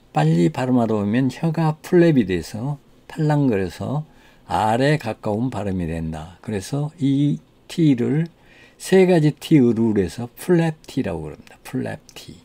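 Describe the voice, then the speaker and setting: A man with a Korean accent teaching English, explaining in Korean and reading English sentences slowly with stress. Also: mid-range voice, big pitch swings, dark tone. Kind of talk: language lesson explaining English pronunciation.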